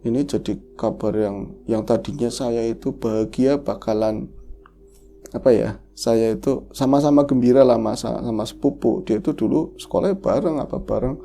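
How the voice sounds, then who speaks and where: A man's voice: mid-range voice, moderate pace, vocal fry, mellow, a little hiss or hum. A man hosting a horror podcast, emotionally retelling a listener's tragic story in the first person.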